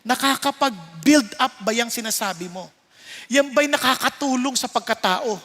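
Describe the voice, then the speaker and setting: High-voiced Filipino pastor preaching emphatically. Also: male voice, moderate pace, pushed and bright. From Philippines. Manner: emphatic preaching, often checks in with the audience. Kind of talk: sermon. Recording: reverberant hall sound.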